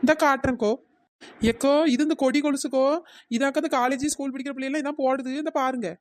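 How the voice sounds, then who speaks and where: A woman's voice: high-pitched, fairly even intonation, fast talker, no echo, lightly acted. [name], a woman doing a cheeky village girl. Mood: teasing. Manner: teasing, wisecracking, melodramatic wailing when scared. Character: young village girl bangle-anklet seller, cheeky. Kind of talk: cartoon voice acting.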